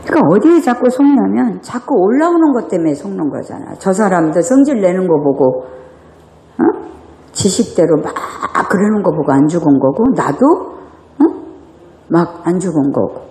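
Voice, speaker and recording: Animated woman preaching in an echoey church. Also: on the low side, normal speed. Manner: animated preaching with rhetorical questions and acted quarrels. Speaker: pastor. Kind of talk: sermon. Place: church sanctuary.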